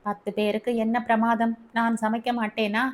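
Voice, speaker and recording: A woman reading an audiobook story, voicing a gentle, patient young wife who speaks softly and calmly to her husband. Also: on the high side, normal speed, close to an everyday voice. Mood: gentle, pleading. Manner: soft, calm and pleading.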